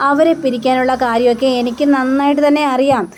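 A woman's voice: high voice, steady tone, fast talker, slight background noise. A woman casually retelling a TV serial episode, acting out the characters' lines between stretches of narration. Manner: acts out characters' lines in quotes while narrating, with fillers.

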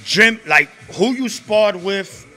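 A man hosts an interview in a boxing gym, coaxing his guest with upbeat praise and frequent "right?" tags. His voice is very bright and sharp, and slightly higher than average for a man. He holds a handheld mic. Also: expressive, slow pace, soft background music. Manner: hyped, encouraging, repeats "right?". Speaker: interviewer, host. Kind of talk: casual interview questions. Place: boxing gym beside a ring, indoors.

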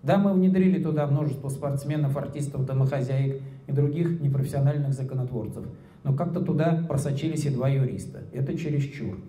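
A smug, cynical ruling official gives a mock-solemn speech to his colleagues, as a man reading his story puts him on. The voice is dark and mellow. It is heard through a handheld mic in a roomy, echoing hall. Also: mid-range voice, brisk, natural voice.

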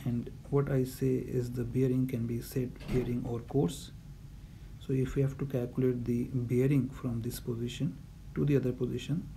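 A navigation instructor voices over handwritten notes, teaching navigation calculations in a methodical, repetitive way and using lots of fillers. His medium-pitched voice is mellow, with some vocal fry. There's slight background noise.

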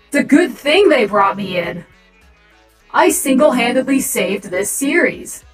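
A woman plays a vain animatronic diva in a cartoon, sneering at everything around her in a fairly high voice and bragging that she saved the whole series. Faint music sits under her lines. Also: very animated, a little slow, low-quality recording. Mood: snarky. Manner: sarcastic, complaining, boastful. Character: vain, snarky female animatronic star. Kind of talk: fan animation voice acting.

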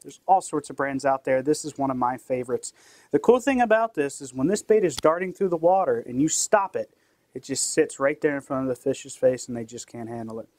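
A man's voice: mid-range voice, animated, fairly quick, a little mellow. A young man from a tackle shop staff, giving a friendly, explanatory gear demonstration indoors.

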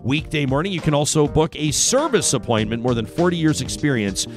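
A man's voice: on the high side, lively intonation, a little fast, soft background music. A man in his forties hosting a live radio talk show, speaking earnestly and reflectively on a studio microphone, with some stammered restarts. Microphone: studio microphone with headphones.

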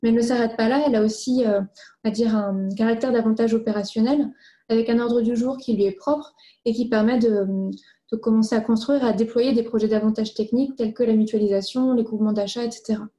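Speaking quickly and with fairly even intonation, a woman formally presents findings. Her fairly high voice is very mellow with soft edges, and she explains each point methodically in turn.

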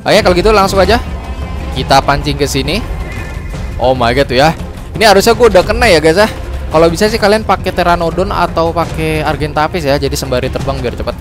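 A young man hosting a casual game tutorial, chatty and upbeat, often calling out to his viewers and laughing off his own mistakes. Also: on the high side. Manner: chatty, says guys constantly, quick apologies and laughs at his own slips. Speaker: gaming channel host. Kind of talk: casual gameplay tutorial commentary. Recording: music playing under the voice.

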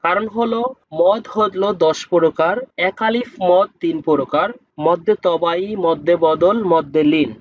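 A man teaching Quran reading, who spells out each letter and vowel mark and then slowly draws out the joined word. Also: a little high, lo-fi sound. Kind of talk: step-by-step spelling lesson.

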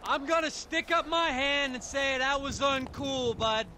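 An actor playing a laid-back young tennis coach in a video game, apologizing in easygoing bro talk. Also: male voice, extremely high pitch, slow pace, sharp tone, a little hiss or hum, heavily acted. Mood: sheepish.

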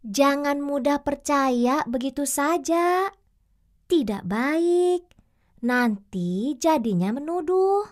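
A gentle, high voice with a lot of rise and fall, from a young woman with a Sundanese accent. She is a kind older-sister type of shopkeeper. She gives advice slowly and patiently in a children's TV drama. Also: lively intonation. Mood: advising. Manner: gentle, slow, advising delivery.

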